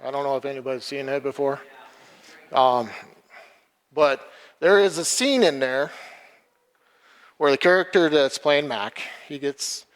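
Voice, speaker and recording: Male lay preacher, mid-pitched, plain conversational delivery, stumbles and repeats, long hall reverb. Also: smooth. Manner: halting, repeats words, retells a film scene. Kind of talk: informal sermon. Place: church hall.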